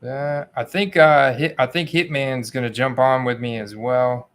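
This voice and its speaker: A man's voice: medium pitch, fairly even intonation, unhurried, fairly bright tone. A man hosting a livestream, chatting casually and informally with his viewers. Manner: informal, addresses viewers as guys. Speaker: livestream host.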